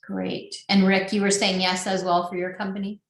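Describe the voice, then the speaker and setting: An upbeat woman moderates an online panel, joking with the speakers and reading out questions from the chat. She speaks at a middle pitch over a video call, and her voice carries a roomy echo. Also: little pitch movement, normal speed. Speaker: webinar moderator.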